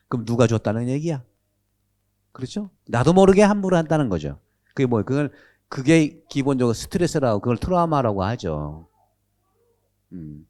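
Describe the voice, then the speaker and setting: Man, priest, catechism lecture, from Jeolla, quizzes the audience, very expressive pitch. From Jeolla, Korea. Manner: animated, asks the audience questions.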